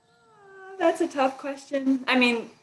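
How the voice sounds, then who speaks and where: A woman's voice: high voice, takes it slowly. A woman answering questions as an alumna guest in a webinar, explaining at length with frequent fillers over a video call.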